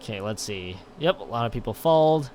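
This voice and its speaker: This live streamer speaks in a mid-range, darkish voice, fairly quick and with lively intonation, as he reads a visual novel aloud and chats. He stumbles often, repeating and restarting words, and adds dramatic emphasis. Slight background noise can be heard.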